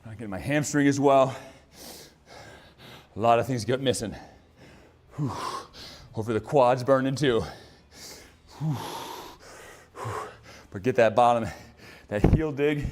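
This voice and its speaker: A man talks viewers through a strength and mobility workout while exercising himself. He breathes out hard between moves and keeps a relaxed, chatty coaching manner at an ordinary mid-range pitch. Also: unhurried, pauses often. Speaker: fitness trainer. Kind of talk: workout instruction.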